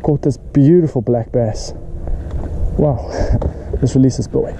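A young man in his late teens with a South African accent, excitedly filming himself fishing from a boat, whooping and repeating himself when fish bite. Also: mid-range voice, slow pace, low-quality recording. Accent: South African English. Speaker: fishing vlogger. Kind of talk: excited outdoor fishing vlog. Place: outdoors on a small boat on a weedy lake. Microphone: head-mounted action camera. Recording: outdoor wind and water noise.

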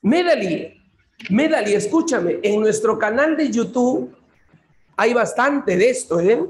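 A man's voice: very high voice, lively intonation, takes it slowly, slight background noise. A man with a Peruvian accent teaching an online class, working through a logic puzzle step by step and repeating his cues to coax students along. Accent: Peruvian Spanish. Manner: repetitive, coaxing, keeps saying "mira" and "sigue". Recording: echoey room.

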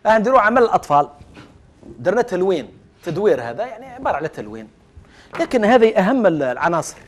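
A middle-aged man with an Algerian accent teaches Arabic grammar in a classroom full of students. His voice sits high and moves across a very wide, animated range. He slides between formal Arabic and dialect and keeps questioning the class before he answers himself. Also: racing. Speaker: Arabic language lecturer. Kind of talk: classroom lecture.

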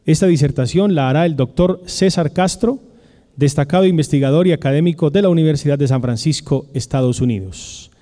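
A man's voice: on the high side, dark tone. A man formally introducing the next speaker at an academic event. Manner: formal, measured. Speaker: event announcer. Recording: long hall reverb.

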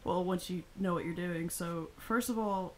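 A woman's voice: lowish voice, normal speed, music in the background, poor audio. A woman hosting a casual let's-play, chatting and explaining game tips, often laughing and reading game dialogue aloud. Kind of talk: casual gameplay commentary.

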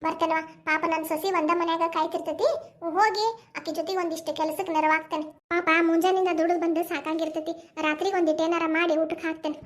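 A woman's voice: extremely high pitch, steady tone, fast talker. A woman voicing a kindly older mother-in-law in a cartoon, speaking soothingly with a North Karnataka accent. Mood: gentle. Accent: North Karnataka Kannada. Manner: soothing, affectionate. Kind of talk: cartoon voice acting.

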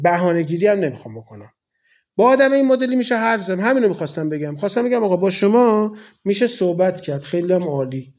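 In a colloquial sermon full of rhetorical questions, a cleric from Iran speaks in a conversational style. He is in his forties, and his voice is high-pitched with a darkish tone.

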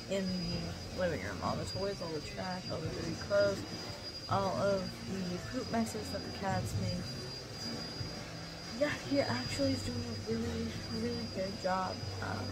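A woman's voice: medium pitch, very noisy. A woman in her twenties giving a casual day-recap vlog from home. She rambles with lots of "um"s, talking into a phone held at arm's length. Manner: rambling, many ums, chatty daily recap. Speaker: vlogger giving a day update. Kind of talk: casual chat. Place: home, lying on a couch and in a small room indoors.

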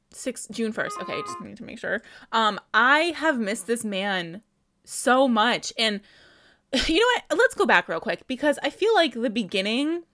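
A young woman in her twenties reacting to a music video at home, gushing and squealing, with lots of fillers, into a studio mic. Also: on the high side. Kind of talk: excited casual reaction commentary. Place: bedroom at home, indoors. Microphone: studio mic with pop filter in front. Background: song playing in the background.

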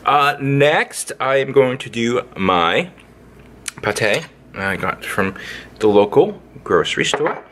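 A man's voice: mid-range voice, expressive, slow pace, background noise. Playful man demoing a recipe. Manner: playful, rambling, with sing-song sound effects. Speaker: home cook, channel host. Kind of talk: casual cooking demo. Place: indoor kitchen, overhead camera on hands.

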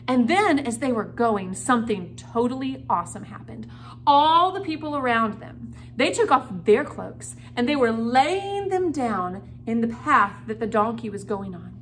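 A woman telling a Bible story to preschool children, animated and sing-song, getting the kids to count and repeat words with her. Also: sits high, slight background noise.

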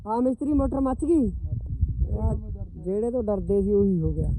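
Faint outdoor and engine noise sits behind a Punjabi-accented man. His voice is very high for a male, with a mellow edge. He talks as a vlog host, casual and chatty, in colloquial speech aimed at viewers and companions. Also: lively intonation, moderate pace, poor audio. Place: outdoors on a farm.

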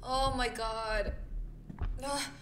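A young woman giving jumpy, frightened live commentary as a horror game streamer, muttering and exclaiming as she reacts out loud. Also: fairly high pitch, fairly even intonation, drawn-out words. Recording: roomy, distant mic, loud noise behind.

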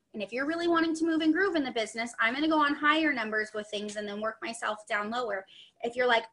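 A young woman leads a sales training over a video call, her voice a little high and very bright. She talks in a chatty, upbeat way and drifts into friendly asides. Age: young adult. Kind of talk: online training session.

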